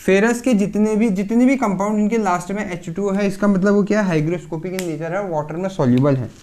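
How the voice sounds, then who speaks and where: Speaking fairly quickly, with slight background noise, a male pharmacy lecturer walks students through chemistry in a relaxed classroom style. His voice sits somewhat high; he poses and answers his own questions, goes step by step, and repeatedly says "theek hai."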